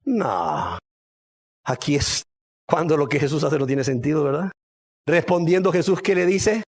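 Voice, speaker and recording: A man preaching a sermon dramatically, asking rhetorical questions and swinging from soft to shouting. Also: fairly high pitch, steady tone, moderate pace, breathy edge.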